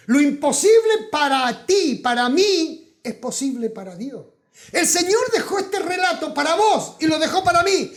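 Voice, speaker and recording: A man with a Rioplatense Spanish accent preaching a sermon as pastor, swinging from loud emphatic calls to hushed asides. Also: very high voice. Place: auditorium.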